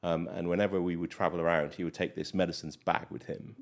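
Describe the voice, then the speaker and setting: Middle-aged British man, very low voice, chatty interview guest, lots of fillers. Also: level tone, fast. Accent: British English. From Malawi. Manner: chatty, many fillers, rambling. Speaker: guest doctor. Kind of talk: casual interview chat.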